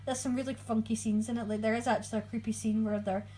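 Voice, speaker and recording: A woman's voice: fairly high pitch, fairly even intonation, fast talker, dark tone, breathy edge, poor audio. A woman co-hosting a casual podcast chat, chatty and often searching for her words. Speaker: podcast co-host. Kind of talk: casual chat about horror movies.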